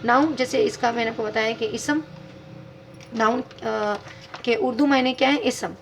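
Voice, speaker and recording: A woman's voice: a little high, fairly even intonation, normal speed, slight background noise. A woman teaching English grammar in a video lesson, patiently explaining step by step and spelling words out letter by letter.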